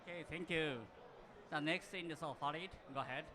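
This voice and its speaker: A man moderating a conference panel, speaking in halting, simple phrases. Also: fairly high pitch, crowd noise.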